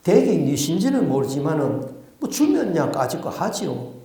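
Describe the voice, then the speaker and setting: A man voicing a poor, proud scholar who answers offhandedly and scolds loudly, in a very echoey church hall. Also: on the high side, big pitch swings, normal speed, voice pushed down. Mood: offhand, cocky. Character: poor proud male scholar, blunt, hot-tempered.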